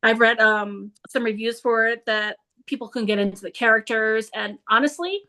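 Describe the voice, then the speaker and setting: A woman's voice: fairly high pitch, normal speed, bright, forceful tone. A woman who reviews books, chatting about thrillers with eager enthusiasm, laughing easily and often restarting her words. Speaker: book reviewer and book club leader. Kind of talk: casual chat about books.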